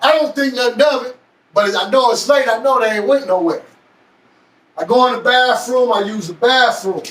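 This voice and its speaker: Guy with a really high voice telling his story slow, echoey room, mic kinda far off. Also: fairly bright tone. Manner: slow, deliberate telling with drawn-out pauses. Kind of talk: personal storytelling.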